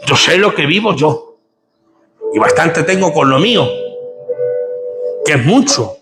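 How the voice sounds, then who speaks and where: Gravelly preaching man over music. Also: a little high, lively intonation, unhurried. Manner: preaching with rising intensity and rhetorical questions. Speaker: pastor. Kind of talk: sermon.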